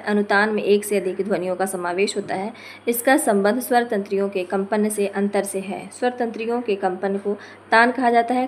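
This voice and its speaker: A woman teaching a lesson, reading from notes, slowing to spell out example words and correcting herself as she goes. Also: mid-range voice, a little hiss or hum. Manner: corrects herself mid-phrase.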